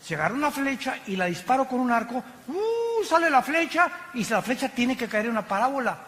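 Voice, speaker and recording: A man preaching a passionate sermon from the pulpit, with sudden loud exclamations. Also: very high-pitched, lively intonation, fast. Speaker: pastor. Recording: long hall reverb.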